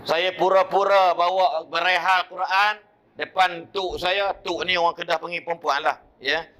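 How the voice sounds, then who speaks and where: A male preacher with a Malaysian Malay accent delivering a mosque sermon through lively storytelling and acted-out voices. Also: sits high, normal speed.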